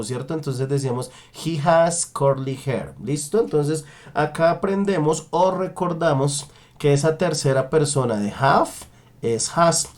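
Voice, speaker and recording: A man teaching an English lesson, slowly drawing out example sentences and checking in with his students often. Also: on the high side, darkish tone. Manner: slow, drawn-out model sentences in English. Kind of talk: online language lesson.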